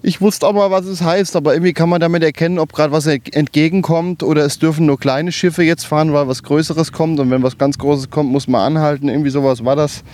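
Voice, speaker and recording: A man's voice: on the high side, steady tone, fast, hardly any pauses, darkish tone. Conversational man commenting on a hike. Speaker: hiking podcast host. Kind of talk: casual on-location commentary. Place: outdoors on a hiking trail.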